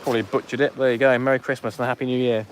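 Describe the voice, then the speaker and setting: Rapid-fire and mid-range with little pitch movement, this fishing livestream host chats from a beach through a phone mic, with slight background noise. He keeps up jokey, casual commentary and banter with his viewers.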